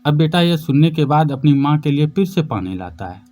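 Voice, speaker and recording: A man's voice: fairly high pitch, very animated, a little fast, mellow. A man telling a moral story in scripted narration, voicing the mother and son lines himself. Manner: acts out the son's and mother's lines.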